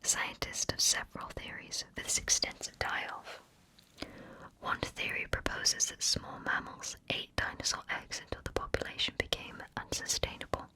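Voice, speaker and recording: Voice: moderate pace, sharp tone, rough recording. An ASMR narrator whispering scripted facts right up close to the listener's ear throughout. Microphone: close ear-to-ear stereo microphone.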